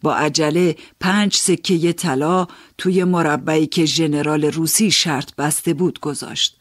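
A man narrating an audiobook in a measured, storytelling manner. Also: a little high, fairly even intonation, fairly bright tone, dry recording, clean studio sound. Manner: measured, storytelling, first-person.

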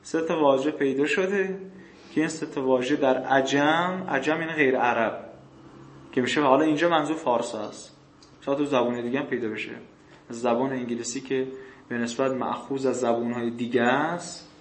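A male teacher giving a classroom lecture on grammar texts. He asks questions and answers them himself, reads passages slowly, and often clears his throat. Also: medium pitch, fairly even intonation, reverberant, a little hiss or hum. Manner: reads passages slowly, then explains faster.

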